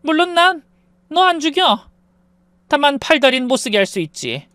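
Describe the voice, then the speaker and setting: Man voicing a creepy calm mother, slow soft threats, lilting high voice, dry sound. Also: dry recording, full character voice. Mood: coldly menacing. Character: calm menacing middle-aged mother wielding a knife.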